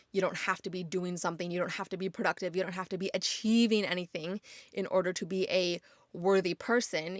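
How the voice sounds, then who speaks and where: A woman's voice: medium pitch, no room sound, studio quality. A young woman hosting her own podcast, talking casually and encouraging listeners, repeating phrases for emphasis. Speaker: podcast host. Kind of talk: casual solo podcast monologue.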